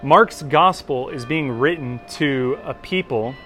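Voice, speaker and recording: A man preaching a sermon in a relaxed, conversational, self-deprecating way. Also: medium pitch, slow, soft background music. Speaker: pastor.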